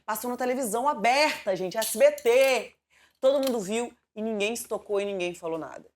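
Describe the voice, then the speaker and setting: A woman's voice: on the high side, fairly quick. A Brazilian woman commenting in a talk-show studio, speaking emphatically and addressing the audience directly.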